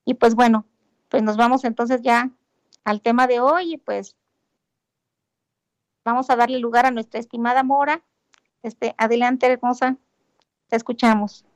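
A woman's voice: a little high, fairly even intonation, unhurried, long pauses, no echo. A woman hosting a community radio show, thanking guests and staff with many filler words. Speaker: radio host.

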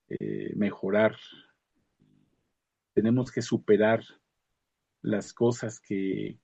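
A man shares a reflection on a video call. His voice is gravelly, dark and husky, and he pauses often with fillers and restarts. The call audio is dull, lo-fi and dry. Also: lowish voice, no room sound. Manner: halting, with many fillers and restarts. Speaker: study group member giving a comment. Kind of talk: casual religious reflection.

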